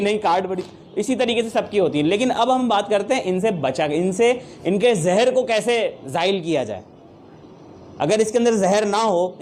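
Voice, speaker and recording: A man giving a lively, playful motivational training talk to an audience, often laughing as he speaks. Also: high-pitched, slight background noise. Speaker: sales trainer.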